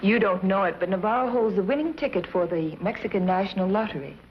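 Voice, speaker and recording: An actress playing a proud, sharp-tongued young woman with a crisp, cutting way of speaking. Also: medium pitch, fast, lightly acted. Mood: chatty. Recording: dull 1950s TV soundtrack with hiss.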